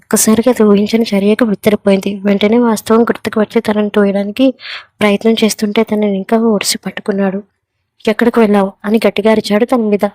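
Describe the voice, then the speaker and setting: A woman reading a serialized romance story aloud in a steady storytelling manner. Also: mid-range voice, fast, no room sound. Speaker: narrator. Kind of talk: scripted narration of a serial story.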